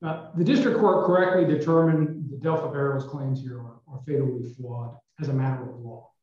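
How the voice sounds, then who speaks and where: Attorney, male, formal courtroom delivery, booming well-like echo over a dull, muffled line. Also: fairly even intonation, a little mellow. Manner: formal, measured courtroom address. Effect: hollow echo, as if speaking inside a well. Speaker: attorney arguing for the state. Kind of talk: appellate oral argument. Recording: echoey, dull remote audio line.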